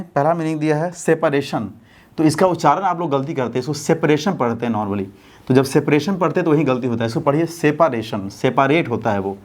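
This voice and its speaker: An Indian man teaches exam English in a slightly mellow voice that sits on the high side. He walks through the answers step by step, putting rhetorical checks to his students as he goes.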